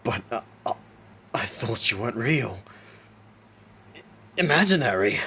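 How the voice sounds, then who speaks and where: A man's voice: medium pitch, very animated, unhurried, a little hiss or hum, voice pushed up, full character voice. A man playing a terrified young captive. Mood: frightened. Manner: stuttering then shouting. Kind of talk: horror story reading.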